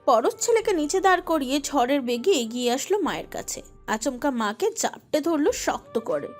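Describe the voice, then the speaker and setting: A woman narrating a romantic audio story with expressive, emotive delivery. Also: high-pitched, moderate pace, faint music behind.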